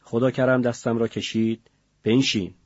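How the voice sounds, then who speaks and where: A man reading a novel as an audiobook narrator, in a measured, grave delivery. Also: fairly low pitch, darkish tone, slightly rough, dry recording, lo-fi sound.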